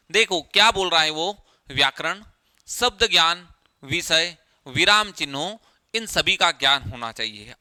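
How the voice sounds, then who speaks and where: A man's voice: sits high, bright, forceful tone, smooth, no echo. A male teacher, giving an exam-prep lecture who explains step by step, repeats key phrases and asks rhetorical questions.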